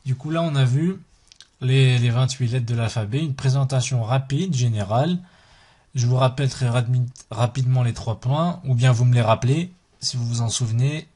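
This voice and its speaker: A man's voice: medium pitch, moderate pace, dark tone, husky. A man teaching a language lesson, saying each letter aloud and repeating it several times. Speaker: Arabic teacher.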